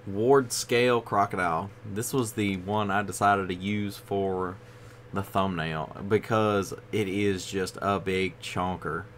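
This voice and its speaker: Laid-back low-voiced man reviewing cards. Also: steady tone, slow, fairly bright tone, a little hiss or hum. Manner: rambling, with frequent "you know" fillers. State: tired, yawning. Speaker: card game video host. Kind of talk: casual card review.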